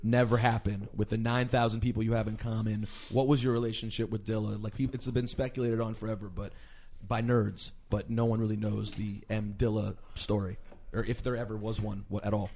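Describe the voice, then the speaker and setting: A man's voice: on the low side, level tone, a little fast, darkish tone. Enthusiastic man hosting a casual interview. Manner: self-described hip-hop nerd, joking and enthusiastic. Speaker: podcast host.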